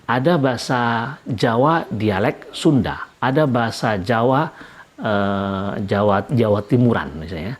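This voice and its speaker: A middle-aged man from Indonesia delivers an academic lecture in a husky, slightly breathy voice. His pitch rises and falls in lively swings as he explains, pausing on fillers and restating each point.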